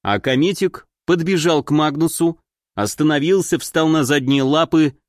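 A man reading a first-person audiobook in a steady, expressive storytelling manner. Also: on the high side, moderate pace, dry recording, clean studio sound. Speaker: audiobook narrator.

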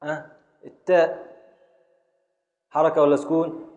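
A man's voice: fairly high pitch, little pitch movement, measured pace, a little mellow, highs cut off. A man with an Egyptian Arabic accent teaching a classroom lesson, quizzing students and scanning verse syllable by syllable. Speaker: Islamic scholar teaching Arabic grammar and prosody.

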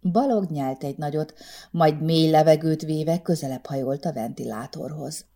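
Low, mellow woman reading a story. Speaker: audiobook narrator. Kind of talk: scripted story narration.

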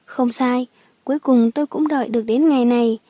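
A woman's voice: on the high side, steady tone, fairly quick, warm tone, no room sound, close to an everyday voice. A cold vengeful young woman, as a narrator puts her on. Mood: sneering. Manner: sneering, shrieking.

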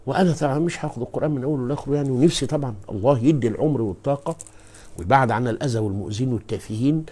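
A man with an Egyptian Arabic accent giving a live-streamed religious lecture as a preacher and scholar. He speaks emphatically, moves between quiet asides and loud stressed words, and often addresses his listeners directly. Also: mid-range voice, racing, husky.

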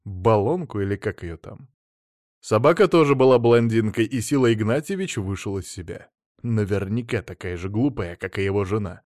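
A man reading a humorous story aloud in a wry, expressive way. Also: on the low side, moderate pace, dry recording, clean studio sound. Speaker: audiobook reader.

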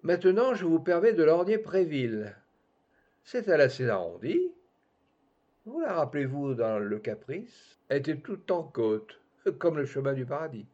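A man voicing a sharp-tongued, arch society countess who gossips in a teasing, mocking way. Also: fairly high pitch, very animated, normal speed, pitched above the performer's own voice. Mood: gossiping. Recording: dull lo-fi recording.

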